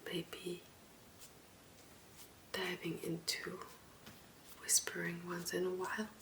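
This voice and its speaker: A woman who is not a native English speaker, whispering soft ASMR book talk close to the mic and asking viewers questions directly. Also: lowish voice, monotone, slow pace, a little hiss or hum, low-quality recording. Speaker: ASMR creator.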